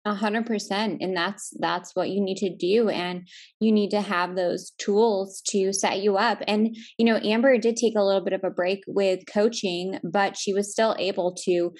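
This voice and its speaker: A woman's voice: medium pitch, fairly even intonation, moderate pace, a little mellow. A woman fitness coach in a casual chat, upbeat and encouraging, talking with lots of "like" and "you know".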